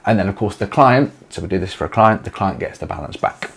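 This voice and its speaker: A man in his forties with an East Midlands English accent talks casually to camera in a small home office. His voice sits on the low side, and he rambles with plenty of fillers and false starts. The sound is close, from a desk-distance camera. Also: animated, fast talker, creaky, a bit bright, slightly rough. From England. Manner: rambling, filler-heavy, restarts often. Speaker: letting agency owner.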